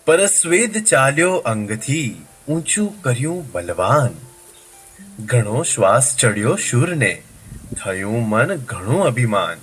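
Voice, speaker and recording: A man's voice: medium pitch, a bit bright, slightly rough. A male teacher recites lines of a poem and then explains each one in plain words.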